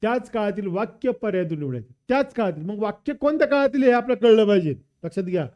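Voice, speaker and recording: A man's voice: high-pitched, expressive, fast talker, dark tone, lo-fi sound. A man teaching with a Marathi accent, walking through an exam paper and drilling students with repeated questions and answers. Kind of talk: exam paper walkthrough lesson.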